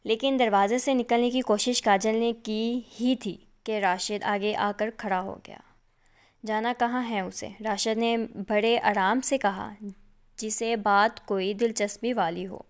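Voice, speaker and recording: Woman narrating a dark suspense story. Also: medium pitch, fairly even intonation, smooth.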